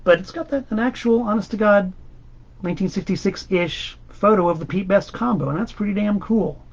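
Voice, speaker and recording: High-voiced enthusiastic man hosting. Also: a little fast, highs cut off. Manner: enthusiastic, rambling, emphatic. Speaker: host. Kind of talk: casual record-collector monologue.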